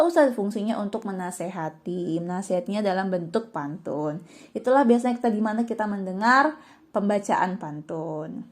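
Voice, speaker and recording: A young woman teaching an online lesson to children, cheerfully asking questions and answering them herself. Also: mid-range voice. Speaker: religious school teacher.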